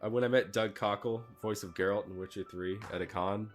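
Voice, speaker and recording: A man co-hosting a podcast, talking casually with halting, stammered starts. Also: fairly low pitch, fairly even intonation, faint music behind. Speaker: podcast co-host.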